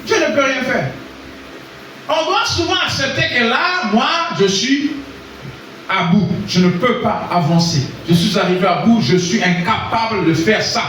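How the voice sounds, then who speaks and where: A man's voice: sits high, lively intonation, measured pace, distant mic, slight background noise. Man, pastor, sermon, call-and-response, very echoey hall, faint room ambience. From Congo. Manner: preaching with call-and-response, rising to shouts. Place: church hall.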